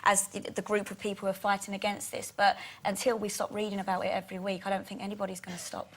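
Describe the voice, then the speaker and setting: A woman in her twenties, a guest on a TV chat show, talking quickly and animatedly, sometimes giggly. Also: medium pitch, monotone. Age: 20s. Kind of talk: casual TV chat show interview. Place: TV studio.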